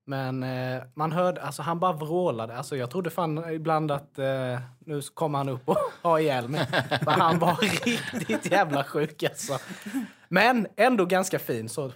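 A man's voice: on the high side, a bit bright. A man co-hosting a casual podcast chat, telling anecdotes with dry irony and casual swearing. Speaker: podcast co-host.

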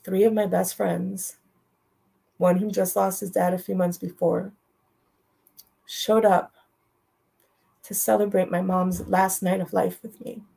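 A woman's voice: lowish voice, little pitch movement, measured pace, creaky, pauses often, warm tone, husky. A middle-aged woman telling a personal story as a guest, in a direct and heartfelt way, repeating her phrases. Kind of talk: emotional storytelling.

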